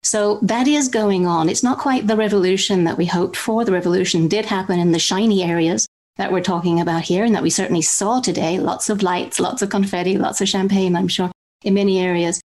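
A woman's voice: medium pitch, steady tone, brisk, darkish tone. A woman from Zambia speaking earnestly as a crypto expert guest in a panel discussion.

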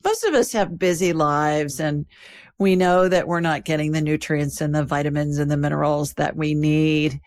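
A woman's voice: low-pitched, steady tone, moderate pace, darkish tone. A woman podcast host delivering a host-read ad in a plain, instructive way. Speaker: podcast host reading sponsor spot.

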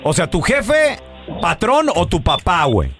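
A man's voice: high-pitched, wildly swooping pitch, a little slow, music in the background. A Mexican man hosting a radio show, teasing guests and callers with playful slang in joking banter.

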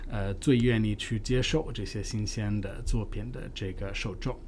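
A foreign man speaking Mandarin as a second language with a Beijing accent, giving articulate, measured explanations as an interview guest. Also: fairly low pitch, steady tone, a little mellow, slight background noise. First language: not Chinese, a foreigner speaking Mandarin. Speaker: guest, art fair co-director.

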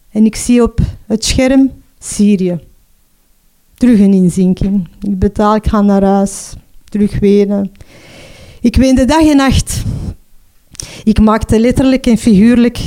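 A middle-aged Flemish woman giving a personal testimony in an earnest, halting way, often ending with a questioning tag. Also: on the high side, warm tone. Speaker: mother telling her story.

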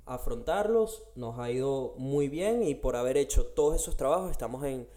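A man's voice: mid-range voice, animated, normal speed, warm tone. A Latin American man, co-hosting a casual podcast and laying out its topics. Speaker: podcast co-host. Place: Australia.

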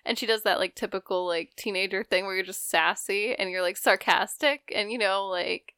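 A woman's voice: mid-range voice, normal speed, sharp tone, clean tone, no room sound, clean studio sound. A woman in her thirties co-hosting a podcast, talking casually and hesitantly, trailing off often. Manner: hesitant, trails off with likes and I don't knows. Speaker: podcast co-host. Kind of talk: casual chat.

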